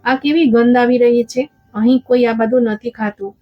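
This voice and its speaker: A woman's voice: fairly high pitch, fairly even intonation, normal speed, no room sound, lightly acted. A woman voicing a snobbish city sister-in-law who mocks and dismisses, in a storybook reading with a dull lo-fi sound and faint music. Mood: mocking. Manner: mocking, dismissive.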